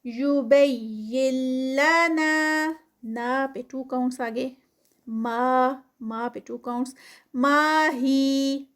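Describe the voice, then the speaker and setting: A woman teaching tajweed, who slowly draws out the recited words and then explains each rule at a quicker pace. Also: on the high side, vocal fry, a little mellow. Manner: slow drawn-out recitation alternating with quick explanation.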